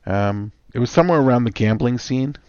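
A man's voice: medium pitch, animated, brisk, darkish tone, no echo. A man in casual chat about a film, animatedly retelling scenes and repeating himself as he goes. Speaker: podcast co-host discussing a film. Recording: dull lo-fi recording.

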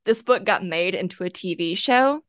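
A woman's voice: mid-range voice, animated, normal speed, no room sound, studio quality. A woman chatting casually about a book with a friend over a video call, full of "like" and "kinda". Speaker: podcast co-host. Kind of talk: casual book club chat. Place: home, with her cat nearby.

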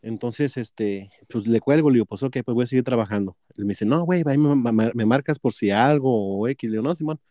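A man's voice: medium pitch, brisk, few pauses, dark tone, no echo. A man with a Mexican accent telling a workplace story in casual chat, profane and gossipy, acting out both sides of a quarrel.

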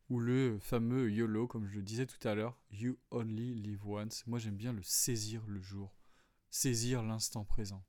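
A man hosting a solo podcast, calmly explaining philosophy, with frequent fillers and restarts. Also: mid-range voice. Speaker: podcast host. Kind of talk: reflective solo talk on philosophy.

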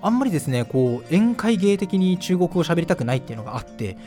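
A man from Fukushima, Japan, hosting a solo podcast in a chatty, animated way with frequent fillers. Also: fairly high pitch, fast talker, soft background music. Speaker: podcast host.

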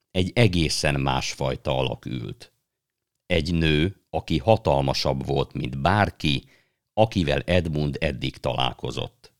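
Man, audiobook narration, extremely deep voice, calm measured storytelling. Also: no room sound, clean studio sound. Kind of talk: audiobook reading.

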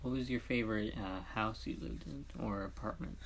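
A man's voice: on the low side, moderate pace, creaky, a little hiss or hum. A man co-hosting a casual podcast, asking questions and throwing in dry, teasing quips. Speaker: podcast co-host. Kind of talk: casual chat.

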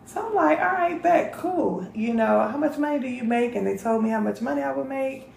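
A woman's voice: sits high, brisk, gravelly, darkish tone, echoey room, slight background noise, poor audio. A woman, chatting candidly to camera in a casual vlog and swearing freely. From North Carolina. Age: 30s. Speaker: vlog host.

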